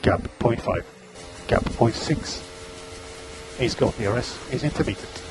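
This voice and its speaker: A man's voice: medium pitch, a little slow, noisy background. A man working as race engineer, giving terse, clipped pit radio calls over a team radio link, repeating gaps and status updates. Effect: team radio transmission.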